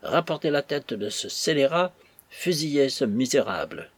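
A man voicing a ruined, furious old merchant in an audiobook, ranting bitterly with a husky voice. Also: medium pitch, animated, normal speed, no room sound. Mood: angry. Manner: ranting, bitter, raising his voice. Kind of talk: audiobook character voice.

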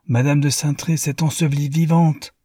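A man voicing a wealthy man filled with bitterness and fury, rising to passionate outbursts, with a husky, dark, dry sound. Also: medium pitch, normal speed, dry recording, lightly acted. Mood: furious. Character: wealthy man, bitter and furious after betrayal.

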